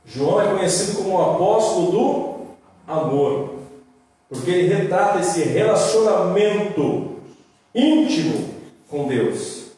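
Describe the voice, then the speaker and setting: A young-adult man with a Brazilian accent preaching a sermon, lively and swinging between loud and soft. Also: a little high. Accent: Brazilian Portuguese. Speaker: pastor. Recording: roomy echo, distant mic.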